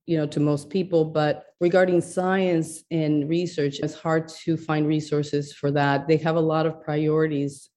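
A woman's voice: low voice, level tone, unhurried, hardly any pauses, warm tone. A middle-aged woman from Ecuador, a neuroscientist, speaking thoughtfully in an interview with many fillers and restarts. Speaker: neuroscientist guest.

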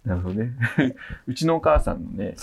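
A man's voice: lowish voice, sing-song, fairly quick, vocal fry, darkish tone, husky. A man co-hosting a casual podcast, playful and laughing often as he jokes his way through reading listener letters. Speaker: podcast co-host. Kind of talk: casual chat.

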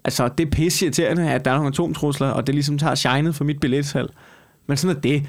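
A Danish man with a slightly raised pitch talks as a podcast host in very dry sound. He chats casually, swears heavily and rants in an incredulous way. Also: fairly even intonation, dry recording. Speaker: stand-up comedian.

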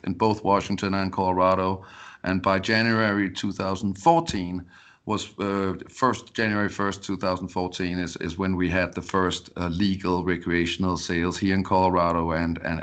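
A man's voice: low voice, a bit bright. A man from Denmark, a podcast guest, talking casually and often repeating words as he restarts sentences. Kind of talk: casual interview talk. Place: Colorado.

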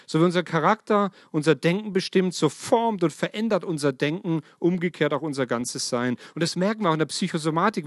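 A man's voice: a little high, dry recording, clean studio sound. Emphatic man preaching a sermon. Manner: lively, emphatic, addresses congregation directly.

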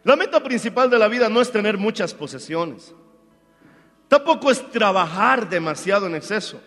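A male pastor preaching a sermon, fervent, swinging from shouted praise to hushed asides. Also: sits high, expressive, moderate pace. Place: church hall. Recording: hall reverb with faint music.

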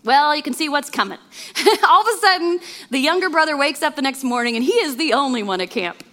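A woman preacher with a high, bright voice tells a parable to her congregation, her pitch leaping up and down as she goes. She keeps the story moving with lively asides and frequent little chuckles. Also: a little fast. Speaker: guest preacher. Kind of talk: storytelling sermon.

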